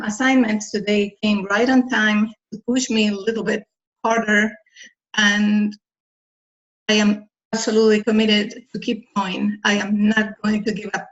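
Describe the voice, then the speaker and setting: An older woman on a group video call giving heartfelt testimony in an earnest, deliberate way, with hesitant fillers. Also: mid-range voice, a bit bright. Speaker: team member on a group call. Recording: dull, lo-fi video call audio.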